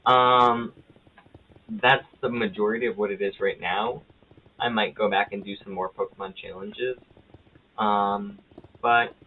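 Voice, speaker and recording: A man streaming a video game live, chatting casually with a friend, rambling and correcting himself mid-sentence, and getting excited at small finds. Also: on the low side, a little slow, pauses often. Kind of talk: casual chat while gaming live. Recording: tinny phone-like audio with faint hiss.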